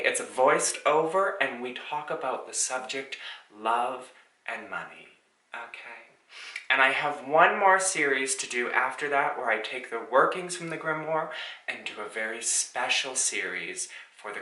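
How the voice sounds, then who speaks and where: A man's voice: medium pitch, pushed and bright, roomy sound, low-quality recording. A man in his early thirties hosting his own channel, talking casually to viewers in a sassy, chatty way, often calling them "honey" and tagging lines with "okay?". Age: 30s. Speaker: channel host. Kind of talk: casual talk to camera.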